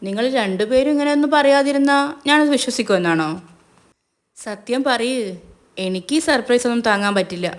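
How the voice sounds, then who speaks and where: A woman voicing a distraught grown daughter who pleads loudly and emotionally with her parents, read as a spoken storybook. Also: on the high side, normal speed, pitched above the performer's own voice, close to an everyday voice. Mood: eager.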